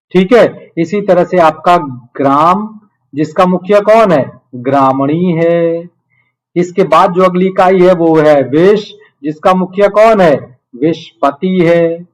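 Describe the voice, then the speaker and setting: A man's voice: a little high, rough recording. A man teaching a live online quiz lesson, explaining simply and step by step as if to children, encouraging them and often checking they follow. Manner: encouraging, addresses students as children, frequent check-in tags.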